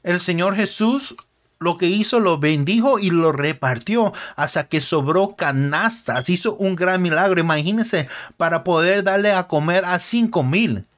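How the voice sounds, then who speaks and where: A man's voice: high voice, expressive, measured pace, fairly bright tone. Earnest man retelling Bible stories. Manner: plain, earnest, with small self-corrections. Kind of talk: simple Bible story narration.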